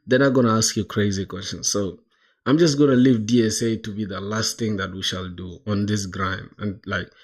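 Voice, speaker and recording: On a coding live stream aimed at getting a job, a South Sudanese man in his twenties talks at normal speed in a lowish, steady voice. Casual and slangy, he drops "bro" into almost every line, laughs often, and reads the chat aloud.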